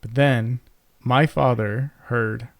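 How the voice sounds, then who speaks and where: Podcast co-host, young man with a gravelly voice, rambling casual storytelling, dry close sound. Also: medium pitch, fairly even intonation, slow, no echo. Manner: rambling, many fillers and restarts. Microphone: close podcast mic.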